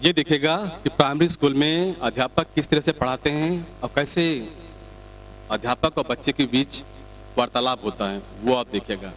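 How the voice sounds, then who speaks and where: A male comedian telling a comic story in a chatty, lively way with asides to the audience. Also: mid-range voice, normal speed, slight background noise.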